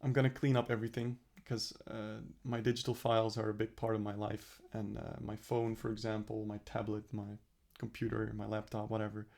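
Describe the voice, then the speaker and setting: A young vlogger reflects on his plans in a casual, sincere way, wandering off and correcting himself as he goes. He speaks briskly with a fairly low, slightly mellow voice, flat delivery, vocal fry, and almost no pauses.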